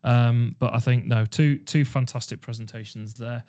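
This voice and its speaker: A man hosting an online team meeting, talking in a relaxed, reflective way with fillers. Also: medium pitch, moderate pace, dull audio. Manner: conversational, reflective, uses fillers. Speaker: webinar host. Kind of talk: casual online meeting chat.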